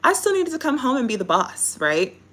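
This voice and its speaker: A woman's voice: high voice, very animated, normal speed, a bit bright. A woman speaking as a life coach in a live online talk, instructive and encouraging, checking in with her listeners as she explains.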